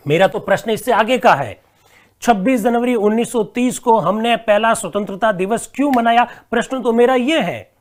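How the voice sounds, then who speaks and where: A man teaching a live online exam-prep class, reading viewers' comments aloud and answering them, often calling his students friends and repeating key points slowly. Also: very high voice. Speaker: exam coach.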